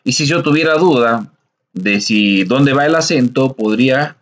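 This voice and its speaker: A man's voice: medium pitch, a little slow, fairly bright tone. A man teaching a screen-recorded coding lesson, explaining patiently step by step and often checking in with listeners.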